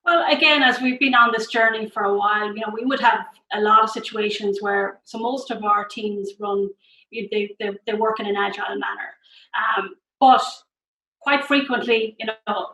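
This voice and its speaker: A woman's voice: mid-range voice, pushed and bright, roomy sound, poor audio. A woman giving explanatory, conversational interview answers over a video call. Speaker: tech industry interviewee.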